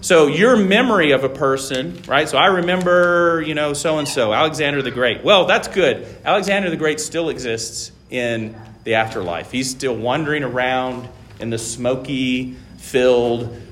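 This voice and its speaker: Man from Taiwan, lecturer. Casual, halting class talk full of "um" and "right?", mid-pitched, faint room noise. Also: fairly bright tone. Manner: halting, many fillers and restarts, checks in with "right?".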